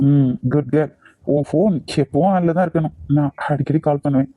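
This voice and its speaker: A man's voice: fairly high pitch, a little fast, no room sound, narrow, tinny audio, lightly acted. A man voicing a cocky male college senior with a Kanyakumari Tamil accent, teasing and domineering. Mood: smug.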